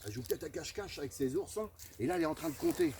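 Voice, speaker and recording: A man's voice: a little high, animated, very fast, warm tone, slight background noise. Theatrical man narrating outdoors. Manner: exaggerated, theatrical, addresses viewers as friends. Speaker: comic host of a mock hunting video. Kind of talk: comic mock wildlife commentary. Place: outdoors in a forest.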